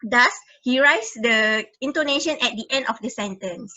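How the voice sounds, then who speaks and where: A woman's voice: on the high side, normal speed, pushed and bright, highs cut off. A young woman presenting a class project, explaining examples and often repeating and correcting herself. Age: young adult. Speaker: student presenter.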